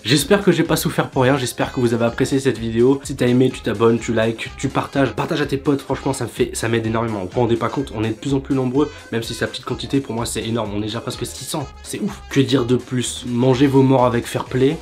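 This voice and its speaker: Man, YouTuber, sarcastic comedic reaction commentary, mid-pitched voice, faint music behind. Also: fairly even intonation, fast talker, hardly any pauses, a little mellow. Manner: sarcastic, joking.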